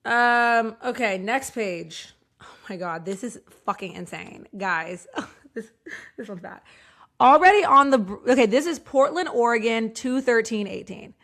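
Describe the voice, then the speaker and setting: A woman's voice: on the high side, lively intonation, measured pace, fairly bright tone. A woman hosting a casual live show, giggling and swearing as she reads aloud with running asides. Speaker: podcast host.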